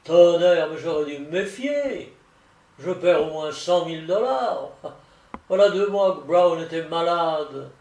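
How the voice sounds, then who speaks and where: A man voicing a wealthy gentleman detective-burglar in a storybook reading, giving brisk, exclamatory commands. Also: a little high. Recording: roomy echo, distant mic.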